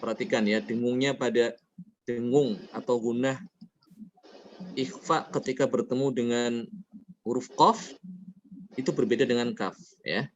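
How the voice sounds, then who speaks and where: A man teaching Quran recitation rules, explaining each rule and then reciting the examples slowly and melodically. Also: medium pitch, steady tone, lo-fi sound. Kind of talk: tajwid lesson.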